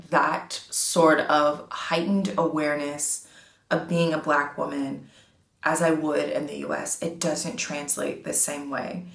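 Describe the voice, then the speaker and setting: A low-pitched woman in her thirties speaks straight to her viewers, earnest and encouraging, stressing the words that matter. Her voice rings in a roomy, echoing space. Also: vocal fry. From United States. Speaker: vlogger. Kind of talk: casual talk to camera.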